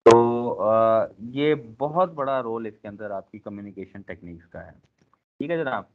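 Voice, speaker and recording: A man with a low voice delivers a classroom lecture, stopping often to search for words and checking in with his listeners. The sound is narrow and tinny, like a phone line. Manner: frequent filler pauses, addresses class directly. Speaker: instructor.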